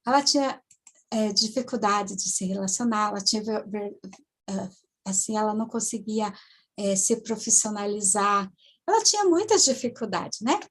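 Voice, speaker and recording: A woman, a hypnotherapist telling a client's story in a halting way, full of tag questions and restarts. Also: medium pitch, lively intonation. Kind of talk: storytelling lecture to students.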